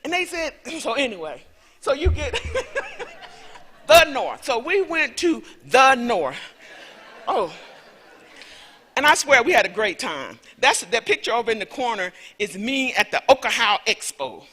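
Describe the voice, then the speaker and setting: This Southern-accented visiting lecturer from Alabama, USA, has a highish, husky voice with a fairly bright tone and sounds very animated. She talks at a measured pace with long pauses, giving a chatty, wandering conference talk laced with self-deprecating jokes. The large lecture hall echoes noticeably.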